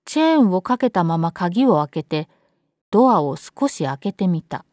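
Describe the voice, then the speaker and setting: A woman's voice: fairly low pitch, big pitch swings, normal speed, a little mellow, dry recording, studio quality. A woman reading a scary story aloud as scripted narration.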